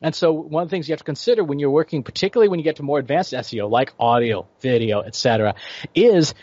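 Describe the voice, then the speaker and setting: A man's voice: a little high, lively intonation, quick pace, darkish tone, no room sound. Man in his forties, guest expert, lectures and checks in with "right?"; dry, slightly dull lo-fi audio. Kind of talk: explanatory interview answers.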